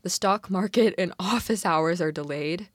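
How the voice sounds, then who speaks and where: The sound is clean studio audio with no room tone as a young Canadian woman speaks at a moderate pace in a lowish voice. She co-hosts a casual podcast about a TV drama, her talk informal, slangy, and emphatic.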